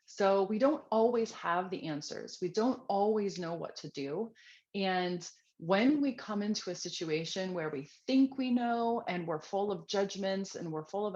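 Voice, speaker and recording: Earnest woman parenting coach, low voice. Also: a little mellow, lo-fi sound. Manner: earnest, conversational, with frequent fillers and acted-out quotes. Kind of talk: direct-to-camera parenting tips.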